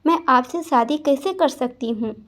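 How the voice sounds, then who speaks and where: A woman's voice: high voice, normal speed, a bit bright. A woman voicing an angry, tearful young female student who argues and pleads. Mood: defiant. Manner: defiant, pleading.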